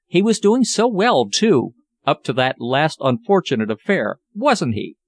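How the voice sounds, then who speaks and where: Man doing an awkward gentleman in an audiobook, halting, fairly high, dry close mic. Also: very animated, dry recording, exaggerated voice. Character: awkward, lanky gentleman, clumsy and wistful.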